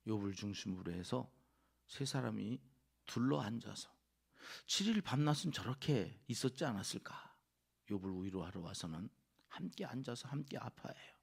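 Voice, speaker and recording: A male pastor giving an early-morning sermon in a church, lively and acting out what others say. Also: mid-range voice, creaky, husky. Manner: lively, acts out quoted speakers. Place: church sanctuary.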